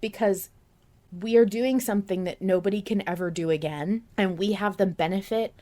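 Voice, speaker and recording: This woman, a podcast host, has a medium-pitched, dark-toned voice and talks at normal speed. She casually discusses an audio drama she's a fan of, earnest and emphatic, with thoughts that run together.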